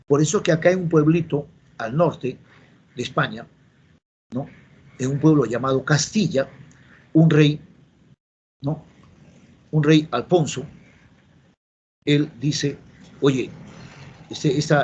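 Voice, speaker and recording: Heard on a dull lo-fi classroom recording with faint noise, this Peruvian man lectures his class in a slightly high, slightly mellow voice. He tends to repeat key words and to answer the questions he poses.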